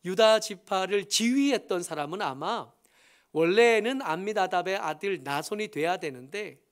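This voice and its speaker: A man with a Busan accent preaching a sermon as pastor, explaining scripture slowly with frequent fillers and emphatic rises. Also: high-pitched, expressive. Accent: Busan Gyeongsang.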